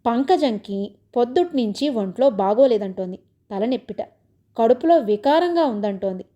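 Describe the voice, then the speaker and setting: Indignant young brother in a storybook, exasperated complaining; a woman reads him, soft mellow voice. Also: a little high, expressive, moderate pace, dull audio. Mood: fretful.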